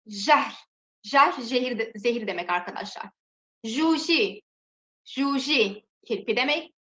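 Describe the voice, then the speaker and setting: A high, bright woman's voice, teaching a language lesson in a slow and careful way. She drills each example word twice and stretches the sounds. The recording has a noticeable room echo. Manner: slow, drawn-out pronunciation drills. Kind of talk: alphabet lesson with repeated example words. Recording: echoey room.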